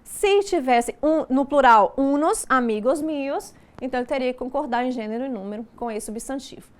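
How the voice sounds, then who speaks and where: A middle-aged Brazilian woman teaching Spanish in a recorded online lesson. She explains patiently and says each example sentence slowly and clearly. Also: high voice. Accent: Brazilian Portuguese.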